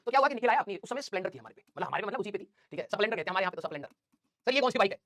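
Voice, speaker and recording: A man's voice: high voice, very animated, rapid-fire, a bit bright, no echo. A male teacher, telling his students a funny story about himself in a chatty, self-mocking way.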